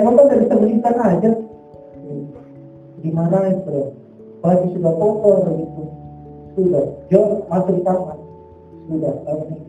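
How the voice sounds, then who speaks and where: A man's voice: high-pitched, mellow. A man giving a casual sermon testimony, talking in short phrases with constant filler tags, recorded from far off in a very echoey hall.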